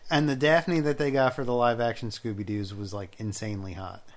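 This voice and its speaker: A man's voice: mid-range voice, fairly even intonation, a little fast. A man co-hosting a podcast, joking crudely and giggling in casual banter. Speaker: podcast co-host.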